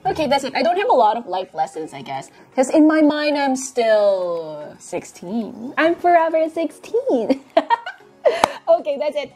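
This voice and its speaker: Her voice sits high with a sing-song, unhurried lilt and a dark tone, soft music underneath. A bubbly, giggly woman in her late twenties, she vlogs casually from a small apartment through a lapel mic, breaking into song and repeating phrases.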